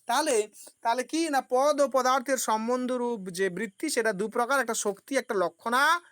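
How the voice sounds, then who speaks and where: A woman's voice: a little high, moderate pace, fairly bright tone, dry recording, studio quality. A woman teaching a philosophy exam-prep class. She poses questions, answers them herself, and uses everyday examples.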